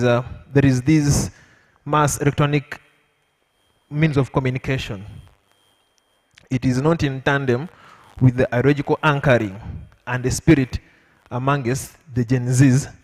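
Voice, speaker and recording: A Ugandan panelist answers spontaneously in an impromptu public speech at a lecture, measured and emphatic with repeated phrasing. His voice, at a medium pitch, sounds a little weak because of illness. The lecture hall, full of audience, carries long, echoing reverb.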